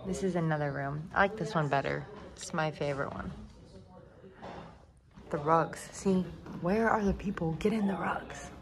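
A woman with a low, creaky voice speaks at normal speed while giving a casual vlog tour of a house and garden, moving between outdoors and indoors. She's gushing and chatty, and the noisy handheld camera audio picks up crowd noise.

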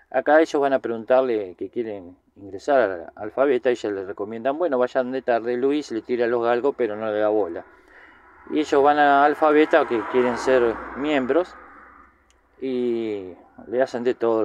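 A man's voice: medium pitch, darkish tone, muffled recording, slight background noise. A man with a Rioplatense Spanish accent giving a casual, chatty film recap, rambling with lots of filler words. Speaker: film commentator.

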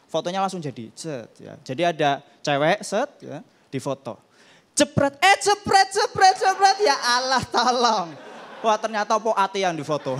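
A male stand-up comedian performing on stage, mimicking typewriter clicks and camera shutters as he tells his bits. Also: high voice. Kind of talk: stand-up routine. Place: comedy stage before a live audience.

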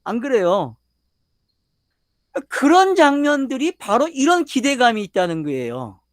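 In a dry, clean studio recording, an older pastor lectures on the Bible with a very high voice that swoops wildly in pitch, going a little slowly. Emphatic throughout, he keeps firing questions at his listeners.

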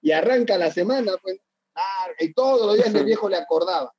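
Tell it like a laughing ex-player, high-pitched and husky, over a dull dry call line. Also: male voice, brisk, dry recording. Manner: animated, laughing, acts out others' lines. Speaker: former footballer guest. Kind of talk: casual storytelling.

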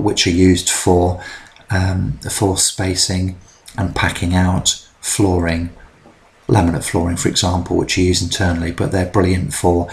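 A middle-aged man giving a chatty, explanatory voice-over about a DIY build, with frequent ums. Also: deep voice. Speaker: DIY vlogger. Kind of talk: instructional voice-over narration.

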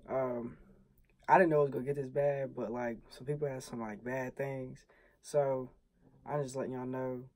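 A teenage boy chats casually to his viewers in a laid-back, slangy way. His voice sits at an ordinary pitch with a mellow, soft tone, recorded close on a phone indoors. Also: flat delivery, normal speed, no room sound. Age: teens. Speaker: vlogger host. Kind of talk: casual vlog chat. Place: indoor room.

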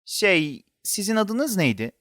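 A man's voice: high-pitched, very animated, slow, bright, forceful tone, dry recording, clean studio sound, pitched above the performer's own voice, full character voice. Man voicing a curious, impatient little boy. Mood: eager. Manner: eager, insistent questioning.

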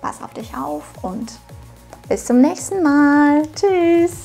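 Speaking slowly with lively intonation, this channel host, a woman in her thirties whose first language isn't German, delivers a scripted German video lesson from her home studio. Her high voice is creaky yet mellow, with faint music underneath. She addresses viewers directly in a cheerful, encouraging tone.

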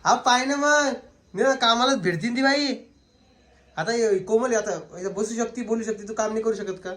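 A man, filming a casual family vlog and excitedly coaxing a child and a pet. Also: very high voice, normal speed. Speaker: family vlogger.

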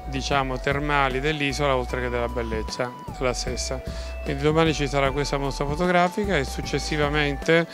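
A middle-aged man answers interview questions as an event organiser. His voice sits at an average pitch. Music plays clearly behind him in an outdoor street. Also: steady tone, fairly quick. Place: outdoor town street at night. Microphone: handheld interview microphone. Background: music, outdoor street sound.

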